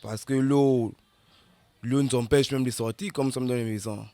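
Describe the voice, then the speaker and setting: A man's voice: mid-range voice, fairly even intonation, normal speed, warm tone, dry recording. A man, a resident in a street interview, speaking hesitantly and repeating words. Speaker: flood-affected resident.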